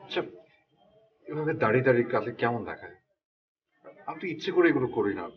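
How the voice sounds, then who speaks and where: An actor playing a fussy, germ-fearing young husband in a TV drama, panicky and pleading. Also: male voice, medium pitch, animated, fast talker, muffled recording, close to an everyday voice. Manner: panicky, then softly pleading. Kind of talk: TV drama acting.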